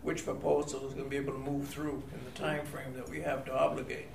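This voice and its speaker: A man speaking as a board member at a meeting, halting and repeating his words as he goes. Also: mid-range voice, completely flat delivery, darkish tone. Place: indoor meeting room. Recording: echoey room, distant mic, clear noise.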